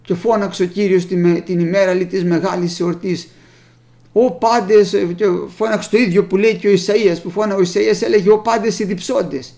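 Reading from old scripture and unpacking it in plain terms, a preacher addresses the congregation directly as brothers. The voice is mid-range, steady and warm.

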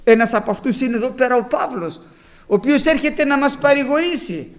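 Telling his congregation a childhood story as part of a testimony sermon, a very high-pitched man preaches with fervor, his emphasis building higher and higher.

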